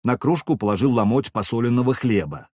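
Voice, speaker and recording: A man reading a novel aloud as a narrator with expressive, lively storytelling. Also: medium pitch, a little fast, breathy edge, no room sound, studio quality. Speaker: audiobook narrator. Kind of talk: scripted narration.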